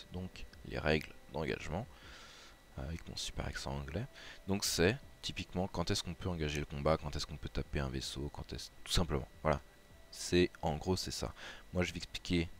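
A man with a very low voice talks through a game tutorial in a casual, rambling way, full of hesitations and restarts. Faint music plays underneath his voice. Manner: chatty and hesitant, many fillers and restarts. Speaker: gaming YouTuber. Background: background music.

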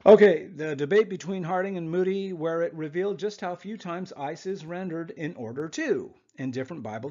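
A man's voice: high-pitched, darkish tone. A man giving a conversational Bible lesson over slides, often checking in with "okay?" asides. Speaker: Bible teacher. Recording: muffled lo-fi voice recording.

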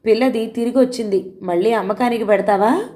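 A woman's voice: a little high, a little fast, warm tone, close to an everyday voice. A poor, worn-out middle-aged mother speaks anxiously and implores, played by a woman storyteller. This is an audio storybook role.

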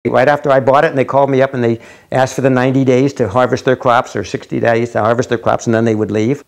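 A man's voice: mid-range voice, little pitch movement, quick pace, creaky, soft background music. A man, the landowner, giving a blunt, dismissive interview, chuckling at times.

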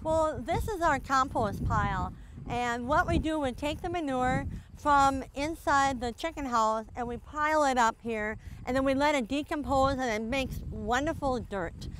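A middle-aged woman farmer from Minnesota gives an outdoor farm tour in a casual interview, her high-pitched voice moving at a moderate pace with a fairly bright tone. She's easygoing and folksy, sprinkling in plenty of "you know" fillers. A faint hiss or hum sits under the recording.

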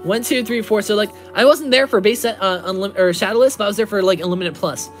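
A woman's voice: medium pitch, quick pace, faint music behind. A woman in her twenties streaming live, upbeat, reading out card names and answering chat as she opens packs. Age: 20s. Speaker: card-opening livestreamer. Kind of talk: live card-pack opening. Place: indoors at a table with a playmat.

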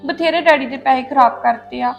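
Tearful younger sister, woman actor, Punjabi accent, high-pitched. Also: brisk, creaky, highs cut off, soft background music. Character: young woman upset after failing a test. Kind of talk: Punjabi family drama acting.

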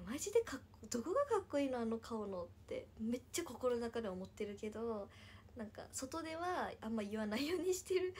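A woman's voice: a little high, darkish tone, slight background noise. A woman in her twenties from Nagasaki, with a Nagasaki Japanese accent, chatting casually on a livestream, giggling often and dropping into whispers as she answers viewer comments. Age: 20s.

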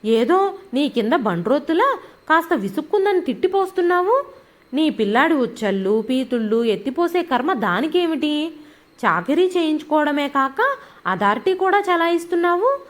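Brief: woman as bitter storybook mother-in-law, shrill, high and scolding. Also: expressive, unhurried.

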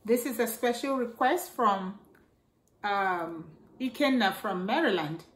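Recorded indoors in an echoey living room beside a staircase, a middle-aged woman gives a children's storytime reading of a picture book. She goes slowly and expressively, her voice rising sharply for exclamations and a toy character.

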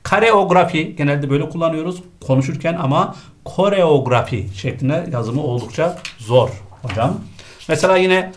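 Brisk quizzing male teacher. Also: on the high side. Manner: brisk quizzing, repeats the correct form after each answer. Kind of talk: exam-prep spelling lesson.

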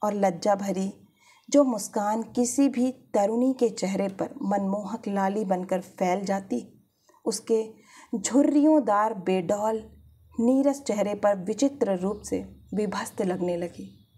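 A woman reading a literary short story aloud in a measured, expressive way. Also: mid-range voice, slightly rough.

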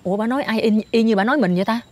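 A woman's voice: on the high side, racing, soft background music, close to an everyday voice. An actress playing a nosy, talkative middle-aged woman who rambles and teases. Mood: curious. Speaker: neighbor or relative of the family. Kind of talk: TV family drama acting.

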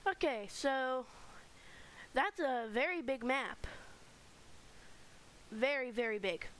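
A woman with a high voice gives casual, rambling commentary while playing a game and touring a base. She talks on a home mic, and a faint hiss sits under her voice. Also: animated, slow, fairly bright tone, poor audio. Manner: chatty, rambling tour-guide narration with fillers. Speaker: gaming channel host. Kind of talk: casual Minecraft let's play commentary.

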